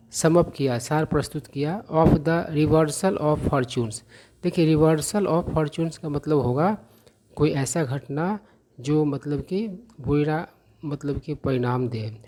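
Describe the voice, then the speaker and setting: A man teaching English through a newspaper reading lesson, explaining each word slowly and asking and answering his own questions. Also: on the high side, a little mellow, a little hiss or hum.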